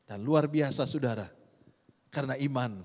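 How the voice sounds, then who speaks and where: A middle-aged pastor, preaching an animated sermon and often calling out to the congregation. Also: male voice, medium pitch, normal speed. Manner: animated preaching, rhetorical questions, frequent "saudara". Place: church hall. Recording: church hall reverb.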